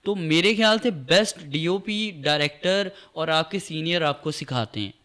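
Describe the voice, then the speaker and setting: A man's voice: a little high, bright, forceful tone. A young man speaking as a guest in a casual chat, earnest and emphatic about working hard and respecting seniors. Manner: earnest and emphatic, calls the host "bro". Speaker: guest, social media creator and actor.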